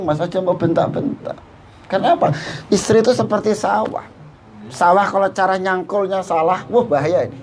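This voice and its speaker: A man preaching, addressing the men in the audience directly. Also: sits high. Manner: jokey, addresses listeners directly, mixes in Javanese phrases. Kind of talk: humorous religious talk.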